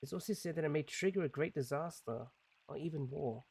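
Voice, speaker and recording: A man voicing a solemn gatekeeper of a sealed gate, reading in a slow, formal way while playing a game. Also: a little high, vocal fry, a little mellow, husky.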